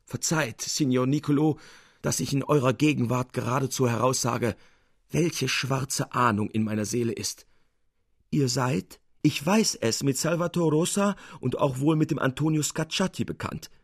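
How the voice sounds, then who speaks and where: A man's voice: mid-range voice, normal speed, vocal fry, slightly rough, no room sound, clean studio sound, pitched above the performer's own voice. A man reading as an anxious young niece, raised and pleading. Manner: pleading, earnest and agitated. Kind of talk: reading aloud a literary tale.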